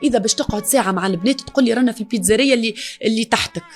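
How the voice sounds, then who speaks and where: A woman's voice: fairly high pitch, rapid-fire, soft background music. A woman with a Tunisian accent, speaking as a mother in an emotional interview, distraught and pleading. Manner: distraught, pleading, grief-stricken. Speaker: mother of the victim.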